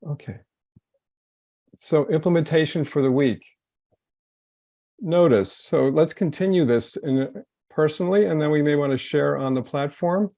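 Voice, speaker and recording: A man leading a wellness course, guiding a group through personal reflection in a gentle, loosely phrased way with halting restarts. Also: fairly high pitch, no room sound, studio quality.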